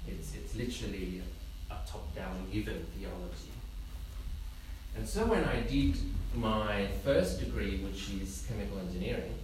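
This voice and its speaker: Jokey guest preacher in an echoey church. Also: male voice, on the low side, lively intonation, measured pace, darkish tone. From Indonesia. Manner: friendly, jokey, self-deprecating. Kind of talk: sermon with humor. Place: church sanctuary. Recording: echoey church from far off, noisy.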